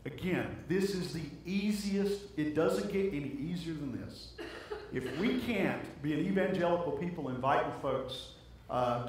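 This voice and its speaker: A man with a high voice preaches a sermon, earnest and conversational, leaning on repetition to drive each point home. The sound comes from a distance in a big, strongly echoing church, with a faint hiss behind it. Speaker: pastor. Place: church sanctuary. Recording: very echoey church, heard from a distance.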